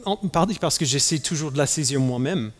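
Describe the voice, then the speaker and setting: A man from the United States preaching a sermon as pastor, talking haltingly with many fillers and restarts. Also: fairly high pitch. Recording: long hall reverb.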